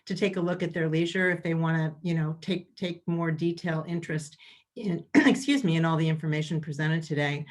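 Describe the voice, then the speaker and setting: A woman organizer giving casual closing remarks on a video call, chatty, with many ums and restarts. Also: on the low side. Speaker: event organizer closing a webinar.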